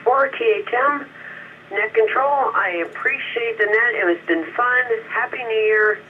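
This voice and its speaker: A woman's voice: a little high, unhurried. A woman ham radio operator giving a friendly, courteous sign-off, heard over a radio transmission. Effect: heard over a ham radio transmission with static. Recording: tinny radio transmission, faint static.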